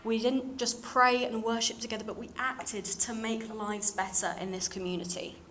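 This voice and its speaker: A woman's voice: a little high, little pitch movement, normal speed, a bit bright. A young woman from London with a modern British, slightly RP accent, giving an earnest, plain-spoken personal testimony talk to a church congregation. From London, England. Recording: clear background noise and room ambience.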